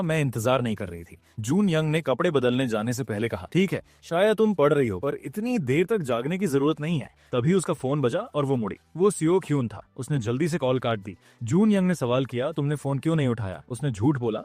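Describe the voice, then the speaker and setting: A man narrating a story recap, reading every character's lines with only slight pitch shifts. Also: a little mellow, no room sound.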